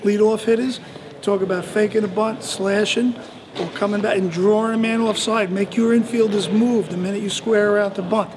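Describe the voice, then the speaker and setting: A man's voice: high-pitched, fairly even intonation, moderate pace. A man coaching baseball players at a clinic, encouraging them and telling a game story. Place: large indoor sports dome. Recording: echoey dome with crowd noise.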